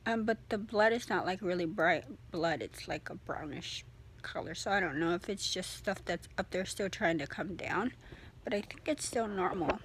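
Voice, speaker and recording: A woman's voice: on the low side, moderate pace, slight background noise, low-quality recording. A young woman chatting casually in a video diary, her speech slightly impeded by a sore jaw that barely opens. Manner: talks with a sore jaw, mouth held fairly closed. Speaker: vlogger giving a surgery recovery update.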